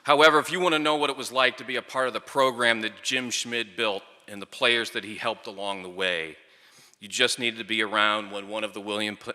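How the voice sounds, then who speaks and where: A middle-aged man delivers a tribute speech as a wry storyteller. His voice is fairly low and strikingly bright and forceful. He speaks at a microphone in a big hall with long, ringing reverb. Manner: wry, storytelling with dry humour. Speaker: speaker at a ceremony, former player and coach. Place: large hall or venue, speaking to an audience at a microphone.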